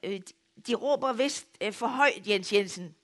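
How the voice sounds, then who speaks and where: A man voicing a patient male country doctor on the phone, courteous, formal and quietly puzzled, speaking lower and softer than his own voice. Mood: polite.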